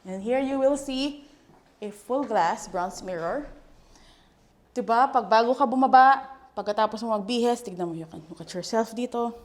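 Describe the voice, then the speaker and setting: A woman's voice: fairly high pitch, moderate pace. Chatty Filipino woman touring a house. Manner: chatty, enthusiastic, mixes English and Tagalog. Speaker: real estate agent giving a house tour. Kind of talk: casual walkthrough tour.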